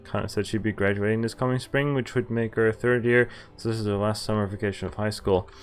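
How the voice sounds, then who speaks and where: Streaming a visual novel, this man reads the lines aloud at a quick clip in a fairly low, steady voice, tossing in laid-back jokes and the occasional curse. Game music runs under the recording.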